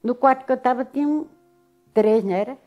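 Faint music plays behind an older Alagoas woman whose voice sits high as she speaks briskly in her Northeastern Brazilian accent. Recounting her story in a relaxed interview, she vividly performs other people's words.

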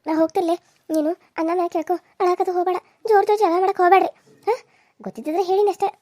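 A woman's voice: extremely high pitch, fairly even intonation, very fast, darkish tone, dry recording, clean studio sound. A woman voicing a worried village woman friend in a cartoon serial, with a North Karnataka Kannada accent, confiding and urgent.

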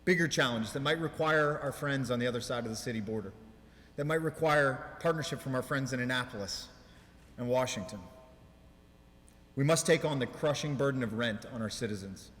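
A man delivering a prepared mayoral speech at a ceremony, in deliberate, emphatic oratory with measured pauses. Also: medium pitch, fairly bright tone. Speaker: mayor giving an inaugural speech. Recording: reverberant hall, long echo.

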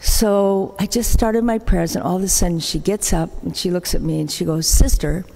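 An older woman, a religious sister, makes a storytelling appeal at Mass in a large church, warmly sharing anecdotes about her community's work and acting out the voices of people she quotes. Her lowish voice is creaky at normal speed, heard in an echoey church hall with slight background noise.

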